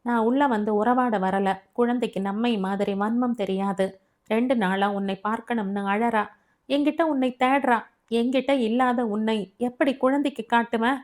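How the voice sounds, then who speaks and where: A woman's voice: on the high side, measured pace, darkish tone, close to an everyday voice. A woman voicing a stern young father who speaks curtly and reproachfully to his estranged wife. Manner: curt and reproachful.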